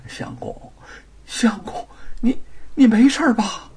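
A man voicing a gentle, self-blaming young wife who pleads through tears in a gravelly, husky voice. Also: sing-song, a little slow, exaggerated voice. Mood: alarmed. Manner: pleading, sobbing high tones.

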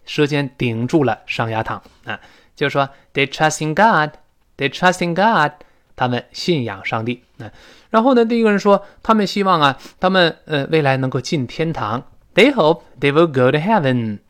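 A man teaching English pronunciation, explaining in Chinese and repeating words slowly for drill. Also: on the high side, expressive, a bit bright. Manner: emphatic, explanatory.

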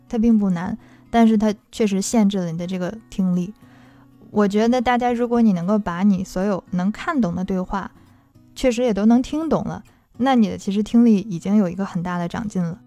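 A woman's voice: mid-range voice, mellow. A woman language teacher giving a patient explanatory talk and walking through worked examples.

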